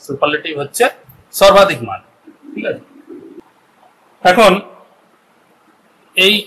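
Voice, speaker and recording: A man's voice: a little high, bright, forceful tone, a little hiss or hum, low-quality recording. A man teaching an English grammar lesson with a Bengali accent, explaining step by step and checking in with his students often. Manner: explains step by step, often asks "ঠিক আছে?".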